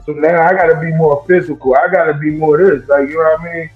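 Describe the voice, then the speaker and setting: Dude calling in on a tinny line, bit high voice, chill ball talk, music low behind. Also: male voice, quick pace. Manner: relaxed, conversational, keeps asking "you know what I'm saying". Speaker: co-host, former player. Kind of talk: casual sports talk.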